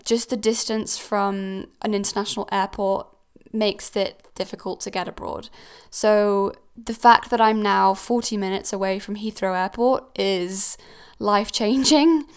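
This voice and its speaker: Smooth-voiced woman chatting with vocal fry. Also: medium pitch, steady tone, unhurried. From Switzerland. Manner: chatty, with frequent ums and self-corrections. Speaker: podcast host. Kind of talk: casual solo podcast talk. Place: new house.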